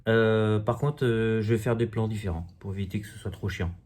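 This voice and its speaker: A man's voice: fairly low pitch, brisk, a little mellow. Self-mocking man reciting a poem at home. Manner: self-mocking, jokey asides between verses. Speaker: amateur poet reciting his own poem. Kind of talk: casual home video poetry reading. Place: at home, indoors.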